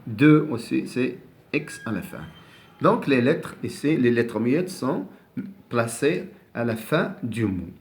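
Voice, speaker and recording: Male teacher, slow and deliberate, repeats and spells words, hesitant restarts. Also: medium pitch, lively intonation. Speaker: French teacher. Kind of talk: classroom lesson on silent letters.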